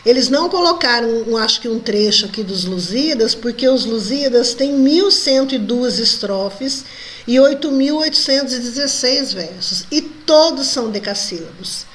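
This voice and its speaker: A woman's voice: fairly high pitch, expressive, normal speed, a bit bright, a little hiss or hum. A woman teacher with a Brazilian accent, walking students through a lesson and checking in with tag questions. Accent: Brazilian Portuguese. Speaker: Portuguese language teacher. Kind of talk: recorded online lesson.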